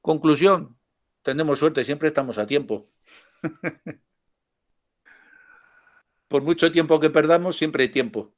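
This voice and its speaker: A man's voice: a little high, slow, pauses often. An older man giving an informal spiritual talk as a teacher, chatty and joking, with frequent asides.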